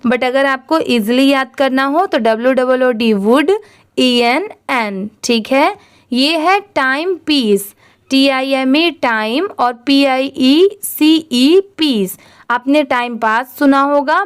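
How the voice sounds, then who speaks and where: High-voiced woman teaching English spelling. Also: smooth. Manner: spells words letter by letter, then says them; asks students questions and answers them herself. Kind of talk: spelling and reading lesson.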